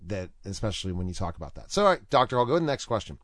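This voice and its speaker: A man's voice: lowish voice, big pitch swings, rapid-fire, a bit bright, no room sound, studio quality. A man hosting an interview show, talking casually and rambling with restarts and fillers. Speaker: talk show host.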